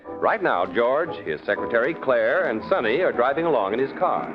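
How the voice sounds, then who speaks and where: A man announcing and narrating in the manner of an old-time radio show, in a lively announcer delivery, on an old radio recording. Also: medium pitch, normal speed, muffled recording. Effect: old-time radio show broadcast. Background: loud brass music.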